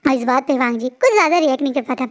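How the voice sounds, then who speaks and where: Woman storyteller, high voice, chatty casual retelling, restarts. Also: animated, very fast. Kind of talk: retelling fan fiction.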